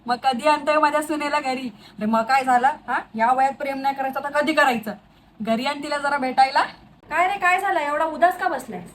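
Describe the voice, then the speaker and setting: A woman in a comedy sketch, talking to an unseen son in quick questions, spoiling him one moment and scolding someone the next. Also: sits high, poor audio. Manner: indulgent and scolding by turns, rapid questions. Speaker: comedy sketch creator playing a doting mother.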